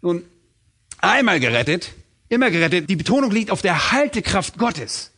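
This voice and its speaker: A man's voice: high-pitched, big pitch swings, normal speed, bright, forceful tone, breathy edge. A middle-aged man preaching a sermon, emphatic, asking questions and answering them himself. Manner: emphatic, asks and answers his own questions.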